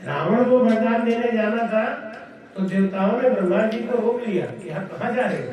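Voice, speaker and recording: A man's voice: high voice, normal speed. A man, a mahant, giving a devotional sermon, telling stories and chanting mantras. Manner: storytelling, chants mantras, lively. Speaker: mahant giving a satsang discourse. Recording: echoey hall from far off, crowd behind.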